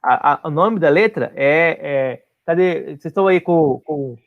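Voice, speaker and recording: A man's voice: fairly high pitch, measured pace, phone-quality sound. A man teaching an online class, explaining step by step and often checking that his students follow.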